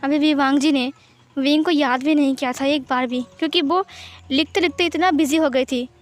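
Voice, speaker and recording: High-voiced woman retelling a story. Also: normal speed. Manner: plain, steady retelling with English words mixed in. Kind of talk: retelling a fan story aloud.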